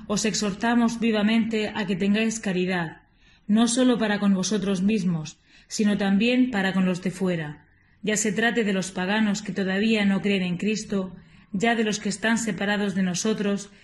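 Woman reading scripture in a steady voice. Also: medium pitch. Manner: measured, steady reading aloud with small slips. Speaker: liturgical reader. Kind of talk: reading scripture and liturgy of morning prayer.

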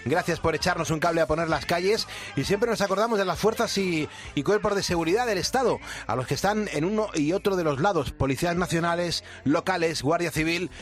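A man from hosting a late-night radio show, lively and quick to laugh. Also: fairly high pitch, soft background music. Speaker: radio host.

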